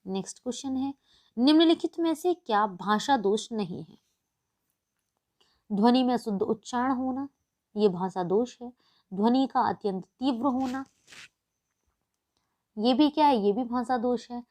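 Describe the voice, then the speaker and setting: A woman's voice: fairly high pitch, unhurried, long pauses, a little mellow. Patient woman exam-prep teacher. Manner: explains patiently, repeats questions back to the class. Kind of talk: exam-prep lesson, reading questions and answers.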